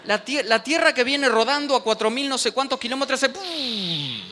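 A man's voice: very high voice, normal speed, slight background noise. A man preaching a sermon in a church, joking and speaking straight to the congregation. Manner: animated, joking preacher addressing the congregation directly.

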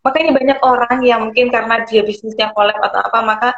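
A woman who explains things conversationally and pauses often to search for words. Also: on the high side, fairly even intonation, creaky, a bit bright. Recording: roomy, dull lo-fi sound.

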